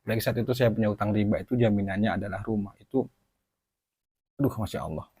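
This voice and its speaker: A man speaks to his viewers in a low, husky voice, recounting hard times in an emotional, faltering way. His words come haltingly, with restarts, and the sound is close and dry. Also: dark tone, no room sound. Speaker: channel host. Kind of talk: personal testimony to viewers.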